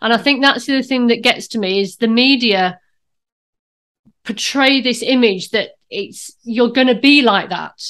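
Woman, fifties, brightish higher voice, animated and emphatic, video-call guest. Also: moderate pace. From Britain. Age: 50s. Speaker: guest, personal trainer. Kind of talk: casual interview chat. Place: home room, indoors, on a video call.

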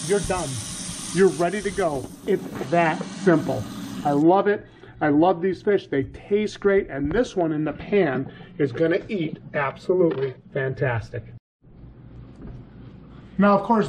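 High-voiced American man, enthusiastic fishing vlogger. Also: slight background noise, poor audio. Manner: enthusiastic, chummy, slangy. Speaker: fishing vlog host. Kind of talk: casual outdoor vlog talk. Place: truck cab, woods, home kitchen.

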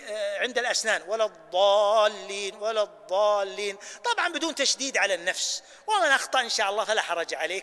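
A man with a Najdi Arabic accent teaching a sheikh's lesson on prayer, demonstrating recitations with slow, drawn-out readings. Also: high-pitched, sharp tone. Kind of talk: hands-on religious lesson. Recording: hall reverb.

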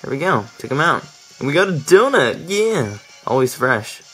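Very animated and sharp-toned, this young man talks at normal speed with a medium-pitched voice as he casually commentates a let's play. He's chatty, laughs a lot, and stumbles over words; the audio is poor, with faint game music in the background.

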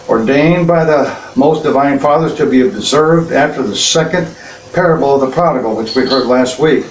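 A man, an Orthodox bishop, giving a conversational sermon in a church, plain and unhurried, often pausing with filler sounds and restarting his sentences. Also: medium pitch. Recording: echoey church, distant mic, faint background noise.

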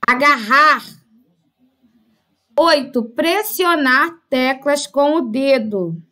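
Patient, bright-voiced teacher woman. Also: high voice, expressive, very slow. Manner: patient, explains step by step with frequent "tá?" and "né?" check-ins. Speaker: primary school teacher. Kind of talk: classroom lesson explanation.

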